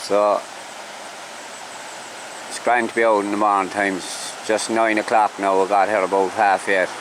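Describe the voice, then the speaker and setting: An Irish man talks in a fairly low voice, folksy and unhurried in his wording as he addresses viewers. It is casual vlog chat recorded outdoors at a riverside, with clearly audible background noise. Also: little pitch movement. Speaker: fishing vlogger. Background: clear outdoor ambience.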